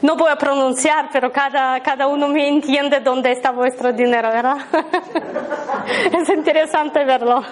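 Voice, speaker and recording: A woman's voice: sits high, fairly even intonation, measured pace. A woman leading an abundance workshop, talking informally to a small live group, telling anecdotes and checking in with her listeners often. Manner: chatty, tells anecdotes, keeps asking the listeners "¿vale?".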